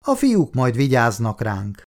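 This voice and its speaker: A man's voice: medium pitch, wildly swooping pitch. A man voicing a confident, flirtatious woman who speaks firmly and teasingly in an audiobook story. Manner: firm and teasing.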